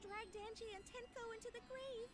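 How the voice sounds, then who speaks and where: A little anime game schoolgirl with an extremely high voice. She is gloomy and dramatic, declaring things ominously over game music. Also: steady tone, brisk.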